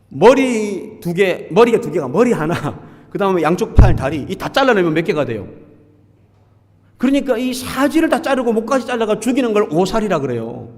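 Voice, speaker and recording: A male pastor preaches from the pulpit with a fairly high voice that swings widely in pitch. He keeps turning to the congregation with questions. The sound rings with a long church-hall reverb. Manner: lively, asks the congregation questions and acts out quoted insults. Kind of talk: sermon. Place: church sanctuary.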